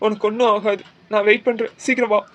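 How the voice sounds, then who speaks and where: A man doing a desperate young husband, very high voice. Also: flat delivery, quick pace, muffled recording, close to an everyday voice. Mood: distraught. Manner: emotional, pleading. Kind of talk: cartoon dubbing.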